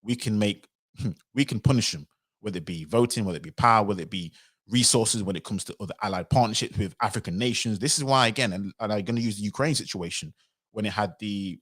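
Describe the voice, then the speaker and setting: Fast-talking man on a livestream. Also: on the low side. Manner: animated, acts out quoted voices. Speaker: livestream commentator. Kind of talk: livestream commentary.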